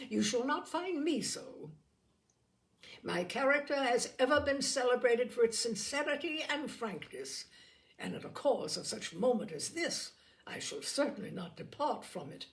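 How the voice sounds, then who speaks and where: A woman's voice: a little high, big pitch swings, a little slow, voice pushed up. A woman voicing a haughty, indignant older aristocratic lady in an audiobook of a classic novel, with emphatic, commanding delivery.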